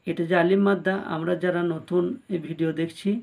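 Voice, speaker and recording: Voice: mid-range voice, flat delivery, a little fast, creaky. A Quran reading teacher giving a spelling-out recitation lesson. The teacher spells each letter and vowel mark, then draws out the joined syllables, and speaks directly to the viewers.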